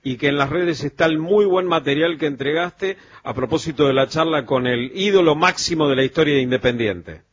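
Man, Argentine Rioplatense accent, studio radio host, joking and chatty, slightly high pitch, dull lo-fi radio sound. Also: brisk, slightly rough. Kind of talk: casual radio chat with a reporter.

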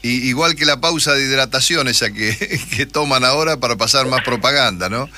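A man's voice: mid-range voice, a little fast, pushed and bright, no echo. A man with a Rioplatense accent hosting a radio show, chatty and joking, reading out event dates. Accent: Rioplatense Spanish. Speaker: radio host. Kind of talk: casual radio interview.

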